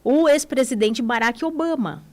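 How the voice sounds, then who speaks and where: A woman's voice: sits high, moderate pace, darkish tone. A Brazilian woman in her forties, an English teacher, talking casually on a radio show with enthusiasm and frequent tag questions.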